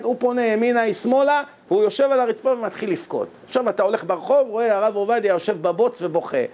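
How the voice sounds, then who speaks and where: A man, preaching by telling a story and acting out the voices of its characters. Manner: animated, acts out characters' voices with sharp pitch jumps. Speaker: religious preacher. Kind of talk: sermon storytelling.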